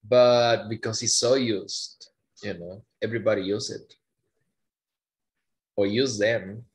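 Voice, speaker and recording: A man's voice: on the low side, steady tone, takes it slowly. A man tutoring online, playful and teasing, with mock-dramatic complaints. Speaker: Spanish tutor. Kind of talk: online language lesson.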